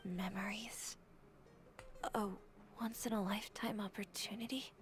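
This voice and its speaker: A woman's voice: medium pitch, steady tone, measured pace, faint music behind, lightly acted. Woman as a hesitant, bewildered young woman. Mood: dazed, whispering. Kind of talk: video game voice acting.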